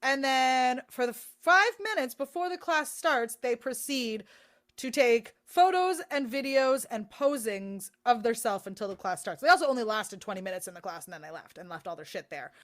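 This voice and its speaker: A woman in her thirties co-hosting a podcast, telling stories in a casual, animated way and swearing freely. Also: fairly high pitch, moderate pace. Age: 30s. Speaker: podcast co-host. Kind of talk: casual chat.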